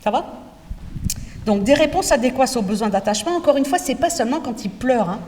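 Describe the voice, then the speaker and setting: A woman lecturer teaching future teachers, talking in a lively way and putting direct rhetorical questions to her students. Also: high-pitched, a little fast. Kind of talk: university lecture. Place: lecture hall. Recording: echoey lecture hall from far off, faint noise.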